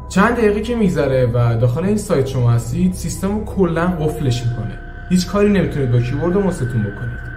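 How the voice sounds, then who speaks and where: A man's voice: fairly high pitch, darkish tone. A man with an Iranian Persian accent giving informal, off-the-cuff commentary as host of a casual reaction vlog. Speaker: video creator hosting a screen exploration. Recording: echoey room, music behind.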